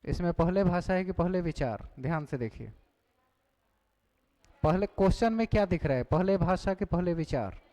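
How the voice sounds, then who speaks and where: Guy teaching an exam prep class, high-ish voice, keeps asking the students stuff and repeating it. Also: animated, normal speed, mellow, poor audio. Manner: questioning the class, repeating key points.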